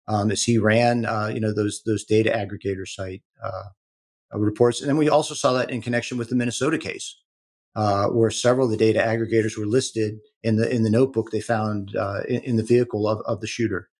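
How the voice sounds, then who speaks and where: A man speaking as a guest in an interview, explaining in an earnest, halting way with many repeated words. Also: lowish voice, steady tone, a little mellow. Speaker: protective intelligence executive, guest. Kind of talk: conversational interview talk.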